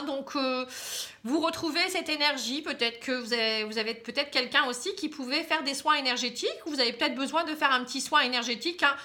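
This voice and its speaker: Reading tarot cards to camera in a casual way, this bright, high-voiced woman speaks with the northern French accent of her native Pas-de-Calais. She is chatty and encouraging, ending almost every phrase with "hein". Slight background noise can be heard.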